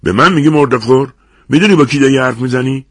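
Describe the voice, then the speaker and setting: A man voicing an indignant male restaurant diner who shouts at whoever insults him. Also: mid-range voice, slightly rough, dry recording, studio quality, pitched above the performer's own voice, lightly acted. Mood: furious.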